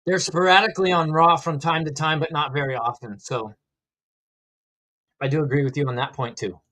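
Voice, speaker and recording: A man hosts a casual livestream reacting to wrestling, offering opinionated commentary and reading out and answering chat comments conversationally. His voice is on the high side, bright and forceful, with fairly even intonation and a slightly fast pace. The recording quality is low.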